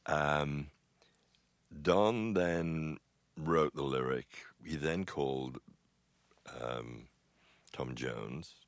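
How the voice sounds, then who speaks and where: A man who composes film music, recalling stories in an interview, halting and full of restarts and chuckles. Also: very deep voice, dry recording. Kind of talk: anecdotal interview chat.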